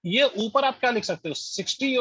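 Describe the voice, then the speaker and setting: A man's voice: very high voice, expressive, moderate pace, bright, forceful tone, breathy edge, no room sound. A man teaching physics in an online class, working through the steps and quizzing his students as he goes. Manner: explains step by step, quizzes students, mixes English terms into Hindi. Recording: dull lo-fi dry audio.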